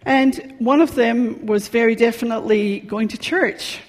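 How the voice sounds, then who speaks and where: A woman's voice: on the high side, measured pace, faint music behind. A woman from Scotland with a Scottish accent, preaching a sermon in a chatty, personal manner with frequent ums. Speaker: pastor. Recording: long reverb of a large hall.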